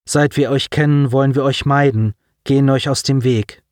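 A man's voice: medium pitch, steady tone, moderate pace, darkish tone, no echo, clean studio sound, pitched above the performer's own voice, lightly acted. A male narrator voicing an alien leader in a sci-fi audiobook, insistent and resentful. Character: alien leader, weary and demanding.

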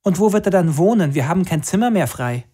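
A man's voice: high voice, animated, fast talker, warm tone, pitched above the performer's own voice. A man reading an audiobook, voicing an insistent young girl who presses with questions.

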